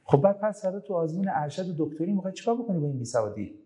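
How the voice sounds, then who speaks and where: A man's voice: high voice, expressive, warm tone. A middle-aged man lecturing students on making demands, emphatic and full of rhetorical questions. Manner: emphatic, rhetorical questions, acts out quoted voices. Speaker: university lecturer.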